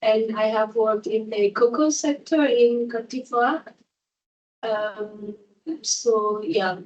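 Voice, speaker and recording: A hesitant woman from Ecuador whose voice is going, picked up from a little way off the microphone. She pauses often and fills the gaps with ums. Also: fairly high pitch, distant mic, highs cut off. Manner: halting, many fillers. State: losing her voice. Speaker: workshop participant. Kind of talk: hesitant audience remarks.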